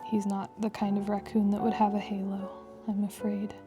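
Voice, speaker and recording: A woman with a creaky vocal fry, chatting casually and wryly as she narrates a digital art tutorial. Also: mid-range voice, completely flat delivery, normal speed. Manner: chatty, wry asides with frequent "like". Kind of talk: casual rambling tutorial commentary. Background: piano music.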